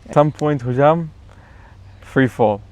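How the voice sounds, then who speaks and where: Appearing as a guest in a casual backyard interview, a man tells a story in a relaxed, meandering way, filling gaps with fillers. His voice is mid-range and unhurried, and the recording is dry.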